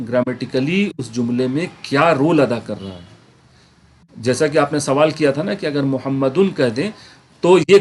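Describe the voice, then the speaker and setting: Slightly high-voiced man teaching a class. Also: a little mellow, a little hiss or hum. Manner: explains patiently, asks students rhetorical check-in questions; repeats words slowly to demonstrate pronunciation. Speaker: Quran and Arabic grammar teacher. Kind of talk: online class lecture.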